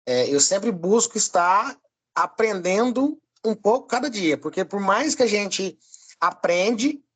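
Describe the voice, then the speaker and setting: A man taking part in a study group, speaking slowly and reflectively. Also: high voice, a bit bright.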